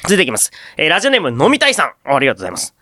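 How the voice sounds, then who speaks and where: A man's voice: on the high side, huge pitch swings, racing, pushed and bright, dry recording, studio quality. A young adult man hosting a radio comedy show in casual, jokey chat, often laughing at his own lines. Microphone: studio mic.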